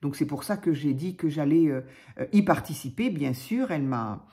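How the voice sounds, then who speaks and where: A woman's voice: low-pitched, expressive, normal speed, warm tone. A woman hosting her craft channel, chatting casually and gushing over paper creations with many fillers. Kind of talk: casual chat unboxing crafts.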